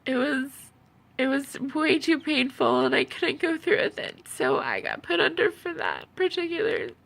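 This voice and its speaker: A tearful, upset woman who sounds as if she has been crying, giving a halting personal monologue in which she repeats her phrases. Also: sits high, very animated, gravelly, fairly bright tone. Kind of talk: personal video monologue about own experiences.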